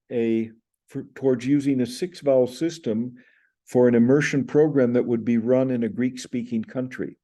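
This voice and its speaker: In a mellow, medium-pitched voice, an older man lectures on how to pronounce Greek, talking to a webcam inside. He explains as he goes, recites the Greek sounds and gestures with his hands.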